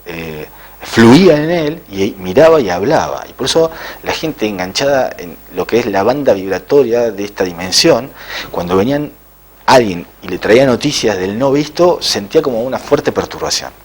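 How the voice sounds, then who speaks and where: A middle-aged man, an interviewed author, telling a spiritual story in a halting way with frequent "eh" fillers. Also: mid-range voice, lively intonation, breathy edge.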